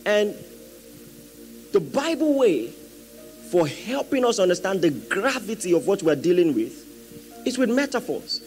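High-voiced emphatic male preacher. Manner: emphatic, rising to loud shouted peaks; asks the audience questions, humorous asides. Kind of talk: sermon.

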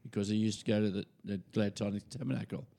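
A man's voice: fairly low pitch, fast talker, gravelly. An older Australian man telling a personal story in casual chat and acting out the people he quotes. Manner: animated storyteller who acts out quoted voices. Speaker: podcast guest, retired minister.

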